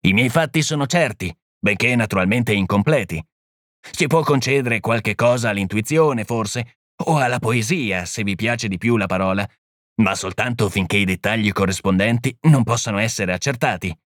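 A man's voice: lowish voice, normal speed, a bit bright, dry recording, clean studio sound, lightly acted. A man reading the part of a proud, impatient criminologist who talks brusquely and with scorn. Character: proud, impatient middle-aged male criminologist. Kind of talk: audiobook reading.

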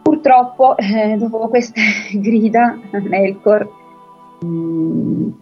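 A woman retelling a fantasy story in an unhurried way, pausing often with filler sounds and reading passages aloud from the book. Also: medium pitch, slightly rough. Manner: unhurried, pauses often with filler sounds while she explains. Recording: dull lo-fi recording with faint music.

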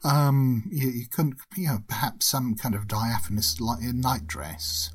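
A man's voice: mid-range voice, unhurried, husky, rough recording. A man narrating a tabletop horror game as game master, descriptive and rambling with many fillers.

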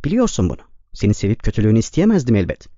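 A man's voice: fairly low pitch, wildly swooping pitch, rapid-fire, warm tone, no room sound, lo-fi sound. A man reading an audiobook, voicing a hurt, pleading young woman. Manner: reproachful, pleading.

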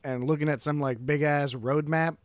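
Male co-host, dry wit, slightly higher voice, close and dry recording. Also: fairly even intonation, normal speed, dry recording. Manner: wry, teasing remarks. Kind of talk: casual chat.

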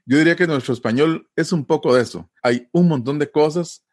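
A man's voice: a little high, fairly quick, darkish tone. A man from Costa Rica with a Costa Rican Spanish accent, explaining things in a conversational interview and often checking in with tag questions.

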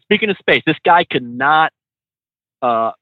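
A man's voice: fairly high pitch, expressive, measured pace, no echo. A man talking shop about training new truck drivers. He tells his stories loosely, with plenty of fillers and slang. His voice comes through a narrow, phone-like line that sounds dry. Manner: laid-back, slangy, many fillers and restarts. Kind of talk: casual storytelling.

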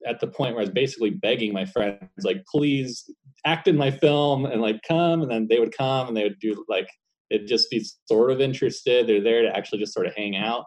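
A man, a paper cutout animator, talking casually in a relaxed, rambling way with frequent laughter. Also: on the low side, quick pace, poor audio. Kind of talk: casual conversation.

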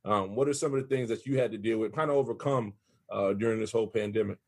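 A man's voice: lowish voice, fast, darkish tone. A man interviewing an athlete, asking loose, conversational questions with fillers.

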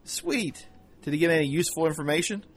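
A man's voice: fairly high pitch, expressive, fast talker, breathy edge. An actor playing a male special agent who speaks in a dry, matter-of-fact way in an amateur audio drama.

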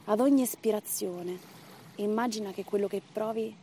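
A woman leading a guided breathing meditation as instructor, in short measured phrases and counts with pauses between them. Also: medium pitch, warm tone, a little hiss or hum.

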